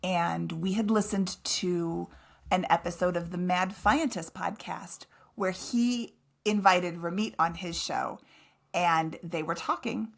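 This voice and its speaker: A woman's voice: on the low side, slow pace, vocal fry. Woman podcast co-host, casual chat, chatty and self-mocking.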